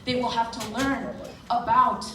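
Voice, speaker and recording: A woman's voice: fairly high pitch, fairly even intonation, a little slow. A young adult woman from Miami giving a public comment at a board meeting, earnest and pointed, with frequent fillers. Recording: echoey hall, from far off, noisy.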